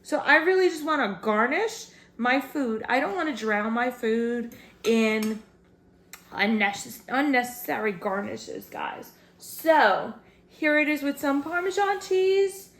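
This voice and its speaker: A woman's voice: high-pitched, expressive, takes it slowly, fairly bright tone, roomy sound. Upbeat woman hosting a cooking video. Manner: chatty, upbeat, keeps addressing viewers as "guys". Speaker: cooking channel host. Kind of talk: casual cooking demonstration.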